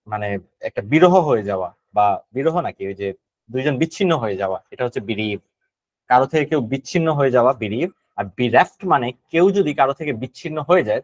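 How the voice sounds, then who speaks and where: A man's voice: medium pitch, no echo, rough recording. A Bangladeshi man teaching an online GRE vocabulary class, explaining word meanings casually and thinking aloud. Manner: casual and thinking aloud, mixing English words into Bengali explanations.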